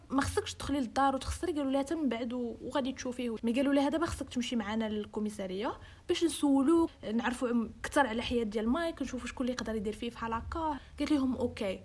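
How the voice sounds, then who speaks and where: A young woman with a Moroccan accent narrates a true-crime case in relaxed podcast talk. She speaks quickly in a fairly high, slightly husky voice. She mixes in English phrases and voices the people in her story. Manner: code-switches into English, acts out quoted dialogue. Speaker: host.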